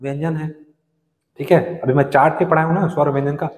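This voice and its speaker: A male teacher with a Chhattisgarh Hindi accent lectures in a coaching classroom, his fairly high voice asking the class questions and answering them himself. The sound trails off in a long reverb around the room. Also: fairly even intonation, fast.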